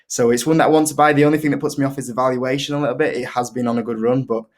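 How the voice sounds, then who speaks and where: Man, Yorkshire accent, fairly flat intonation, mid-pitched voice, informal chatty interview guest. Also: rapid-fire. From Leeds, Yorkshire, UK. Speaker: investing video creator, guest. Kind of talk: casual interview chat.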